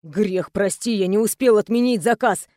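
A woman's voice: mid-range voice, normal speed, warm tone, dry recording, studio quality, voice pushed down, natural voice. A woman voicing a frightened young husband who pleads in a shaky voice. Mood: pleading.

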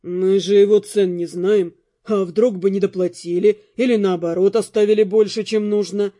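A woman's voice: mid-range voice, fairly even intonation, moderate pace, dark tone, voice pushed down, close to an everyday voice. A woman voicing a laid-back male mercenary who drawls his words, unbothered. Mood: deadpan.

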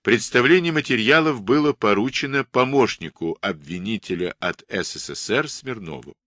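A man narrating a nonfiction history book in a formal, measured reading style. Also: mid-range voice, expressive, a bit bright, no echo, clean studio sound. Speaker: audiobook narrator.

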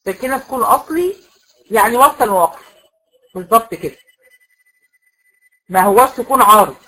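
A woman with an Egyptian accent teaches a recitation class in a slightly high voice. She lays out each rule in careful steps, throwing questions to her women students and answering them herself. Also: lively intonation, fairly quick, bright, forceful tone, slightly rough, low-quality recording. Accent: Egyptian Arabic. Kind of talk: classroom lecture.

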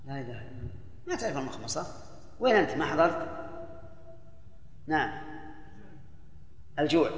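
An older male Islamic scholar teaches tafsir in a Quran lesson, quizzing his students and scolding them when they forget. His voice is on the high side with big pitch swings, a slightly fast pace, and long pauses. It sounds like an old tape of a lecture recorded in an echoey hall.

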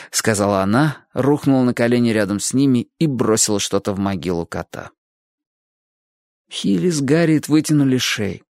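A man narrating an audiobook in an expressive storytelling manner. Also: medium pitch, no room sound, studio quality. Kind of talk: audiobook reading.

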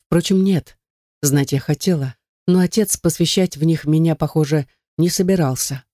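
Warm-voiced male audiobook narrator. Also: fairly high pitch, moderate pace, no room sound, studio quality. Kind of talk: scripted first-person narration.

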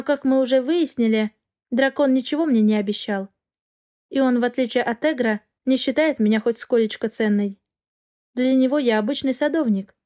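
A woman narrating a first-person fantasy novel with an expressive, wry inner voice. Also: fairly high pitch. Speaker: audiobook narrator.

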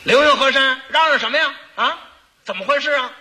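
A man voicing a stout, hot-tempered royal prince who scolds loudly. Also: very high voice, fairly quick, pitched above the performer's own voice, heavily acted. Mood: scolding. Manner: loud, blustering scolding.

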